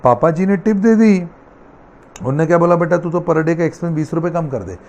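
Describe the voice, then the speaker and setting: A man's voice: fairly high pitch, animated, brisk, a little mellow. A middle-aged man teaching a math class, telling a playful story and acting out its characters. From India. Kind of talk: classroom lecture.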